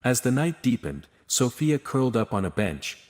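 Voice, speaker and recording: A man narrating a dramatic storybook tale in a steady, scripted reading. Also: mid-range voice, moderate pace.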